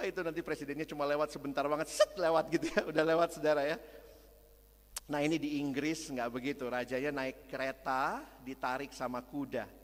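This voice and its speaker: A man from Makassar preaching a sermon as a lively story, swinging between loud and hushed. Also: a little high. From Makassar, Indonesia. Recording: long hall reverb.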